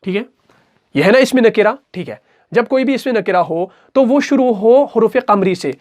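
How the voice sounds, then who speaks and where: A man's voice: sits high, animated, normal speed. A man teaching a recitation class, patient and repetitive, who asks questions and answers them himself. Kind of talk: explanatory recitation lesson.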